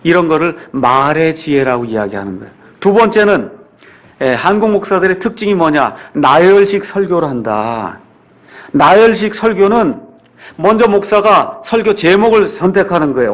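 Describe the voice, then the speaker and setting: Korean pastor guy preaching in church, fairly high voice, keeps asking questions and hammering points. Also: expressive, normal speed. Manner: emphatic, repetitive preaching with rhetorical questions. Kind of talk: sermon. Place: church sanctuary.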